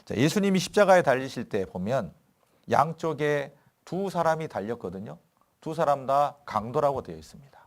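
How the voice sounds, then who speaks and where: Male pastor giving a sermon, throws questions at the crowd, reads verses slow. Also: mid-range voice, sing-song. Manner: asks the congregation questions and answers them; reads scripture slowly and deliberately. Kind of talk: sermon at a Bible lecture.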